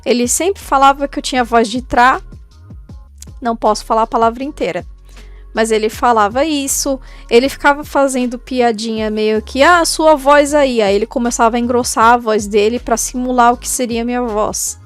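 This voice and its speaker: High-voiced young woman vlogging candidly. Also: fairly even intonation, moderate pace, faint music behind. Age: 20s. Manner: candid, chatty, confiding. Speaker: YouTuber and cosplayer. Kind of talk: casual vlog monologue.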